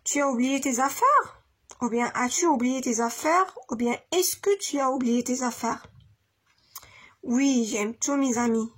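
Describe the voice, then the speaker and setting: Moroccan-accented female teacher, high husky voice, patient classroom explainer who switches languages and dictates slowly. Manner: explains in French then repeats in Moroccan Arabic, slow dictation. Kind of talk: classroom grammar lesson.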